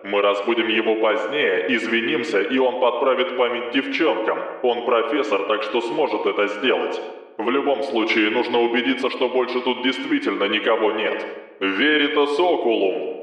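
A man's voice: mid-range voice, normal speed, a bit bright. A man doing a buzzing, distorted hooded leader. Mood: commanding. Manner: curt, commanding. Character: menacing hooded male gang leader, cold. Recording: distant, hollow, dull echoing sound.

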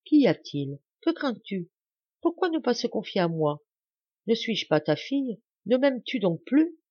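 A woman reading an audiobook, voicing an anxious, tender young daughter who pleads softly. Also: on the high side, sing-song, unhurried, breathy edge, dry recording, lo-fi sound, voice pushed up, exaggerated voice. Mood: pleading. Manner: pleading, soft-spoken.

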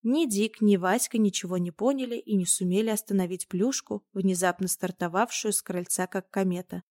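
A woman narrating a storybook with a steady, expressive reading. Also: medium pitch, moderate pace, no room sound, clean studio sound. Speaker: audiobook narrator.

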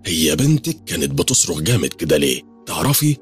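Speaking quickly in a low voice with big pitch swings, an Egyptian-accented man plays an eerie veiled woman who ominously and matter-of-factly insists she can see spirits surrounding people. Faint music plays behind him.

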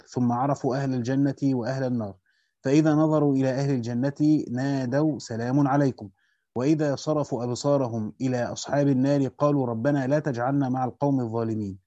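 A man's voice: medium pitch, mellow, no room sound, dull audio. A man with an Egyptian accent reading a classical Quran commentary aloud and explaining it with colloquial asides. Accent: Egyptian Arabic. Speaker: Islamic studies teacher.

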